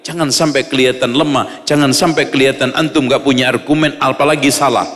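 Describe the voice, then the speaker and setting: A man preaching, reading Arabic lines and explaining them in a lively way, acting out little examples with humor. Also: mid-range voice, a little fast, in a large hall. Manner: lively, acts out examples, jokes with audience. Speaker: Islamic preacher.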